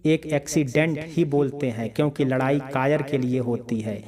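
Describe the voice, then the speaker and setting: A man's voice: medium pitch, normal speed, crowd noise, close to an everyday voice. A man voicing a proud, hot-tempered young lover in a spoken storybook, talking bluntly and bitterly. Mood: brooding.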